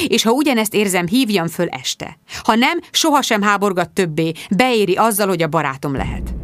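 A woman's voice: medium pitch, fairly bright tone, no echo. Woman narrating an audiobook, dry. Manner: confiding, wry first-person storytelling.

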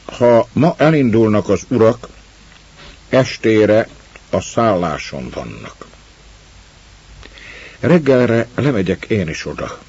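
A man's voice: lowish voice, lively intonation, darkish tone, husky, dull audio, voice pushed up. A man voicing a grave old mountain shepherd. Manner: slow and measured.

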